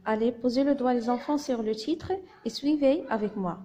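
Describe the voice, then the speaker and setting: Slowly and patiently, a woman primary school teacher with a Moroccan accent sounds out letters and syllables for young children in a phonics reading lesson. Her voice is a little high and mellow.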